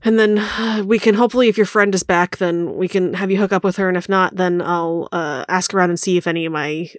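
A woman's voice: on the low side, steady tone, a little fast, no room sound, clean studio sound, natural voice. A woman voicing a flustered, kindly male dwarf bartender who stammers while trying to help. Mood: flustered kindness.

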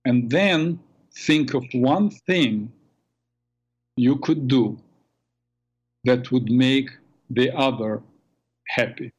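A man hosting a call-in radio show in a smooth, calm and measured way, heard through a radio broadcast. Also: mid-range voice. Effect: radio broadcast sound. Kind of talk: smooth radio host talk. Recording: dull lo-fi radio sound.

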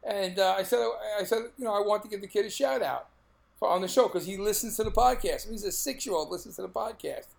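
Gravelly, high-pitched Brooklyn man. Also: fast talker. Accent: Brooklyn, New York. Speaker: podcast co-host. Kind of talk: casual podcast chat.

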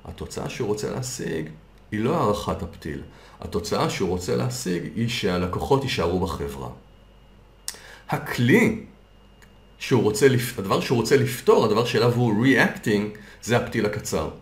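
A man's voice: lowish voice, sing-song. A man coaching on a podcast, patiently explaining ideas through worked examples. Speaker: coach and consultant. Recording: roomy echo.

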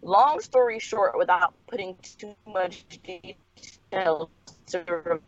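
A woman's voice: lowish voice, takes it slowly, muffled recording. A woman calling in on a call line that keeps breaking up and cutting out, candidly telling a personal story in casual chat. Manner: candid, matter-of-fact storytelling. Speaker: caller. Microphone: phone call.

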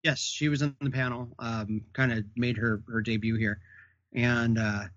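A man's voice: medium pitch, steady tone, moderate pace, a bit bright, no echo. A man co-hosting a casual chat about comic book shows, chiming in with short agreements and corrections. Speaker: podcast co-host. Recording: dry, dull lo-fi sound.

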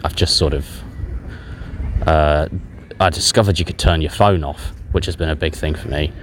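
A man with a very deep voice speaks into a handheld voice recorder while out in a park, with faint outdoor sound around him. He sounds low and numb, and his talk is halting, broken by pauses and fillers but frank. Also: fairly even intonation, slight background noise. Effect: self-recorded on a handheld voice recorder. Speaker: podcast host. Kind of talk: candid personal voice memo.

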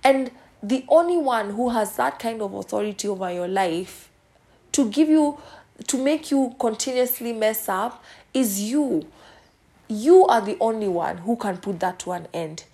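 A woman's voice: a little high, expressive, measured pace, creaky, warm tone. Earnest woman preaching on her podcast. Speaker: podcast host. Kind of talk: devotional podcast talk.

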